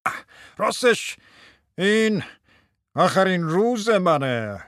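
A man's voice: sits high, big pitch swings, fairly bright tone, no room sound, clean studio sound. An actor playing a chatty, self-satisfied middle-aged husband and businessman in a radio drama. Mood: cheerful.

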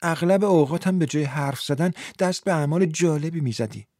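A man's voice: fairly high pitch, darkish tone, no echo, clean studio sound, lightly acted. A man playing a scolding young woman. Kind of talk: audiobook character voice.

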